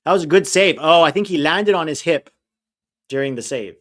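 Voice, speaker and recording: A man with a slightly high, expressive, somewhat bright voice co-hosts a live soccer watch-along. His accent is mixed and hard to place, and he chats casually about the match, bluntly opinionated and quick to vent frustration.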